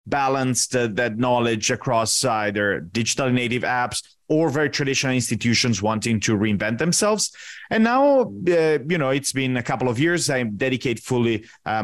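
A man in his thirties from Italy, a podcast guest answering questions in a relaxed way, often pausing with fillers as he searches for words. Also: mid-range voice. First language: Italian. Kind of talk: casual interview answers.

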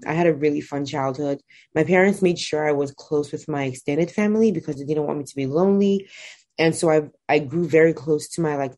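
Low mellow-voiced woman from Nigeria. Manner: reflective, many fillers. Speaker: guest. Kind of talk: personal storytelling interview.

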